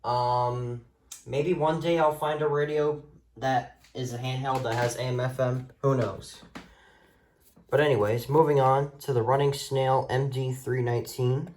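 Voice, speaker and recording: Unhurried and steady, a man with a darkish mid-range voice shows gadgets from his radio collection into a handheld phone camera. His casual show-and-tell comes out hesitant and rambling.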